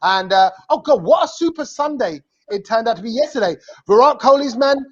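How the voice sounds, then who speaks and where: A man hosting a cricket fan show in a lively, playful, teasing live-stream chat. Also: very high-pitched, a little fast, dull audio.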